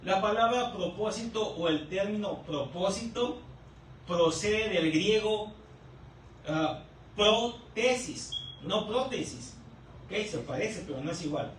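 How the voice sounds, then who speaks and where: A male pastor preaching a teaching sermon, who keeps checking in with the congregation and repeats key words slowly. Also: high voice. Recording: echoey room, distant mic, faint noise.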